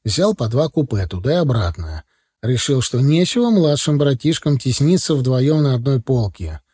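A man narrating a first-person audiobook in a lively storytelling manner, acting out the dialogue. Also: mid-range voice, normal speed, husky.

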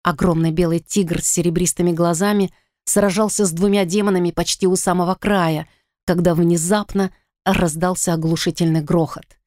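A woman narrating a first-person fantasy audiobook in an expressive, dramatic reading. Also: on the low side, no echo, clean studio sound.

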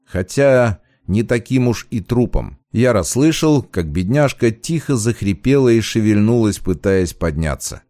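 A male audiobook narrator with a low voice, telling a first-person tale in a measured, dramatic manner. The sound is dry and close, with no room around it. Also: animated, mellow, no room sound.

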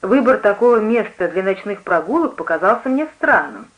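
A woman reading a first-person novel aloud, in an even, measured way. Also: mid-range voice, low-quality recording. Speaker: audiobook reader. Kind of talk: first-person literary narration.

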